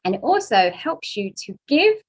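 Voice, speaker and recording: A woman's voice: on the high side, moderate pace, husky, low-quality recording. Woman telling her story to a crowd. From United Kingdom. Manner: animated storytelling, acting out quoted voices; asks the audience questions. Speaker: guest speaker. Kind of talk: motivational talk to an audience.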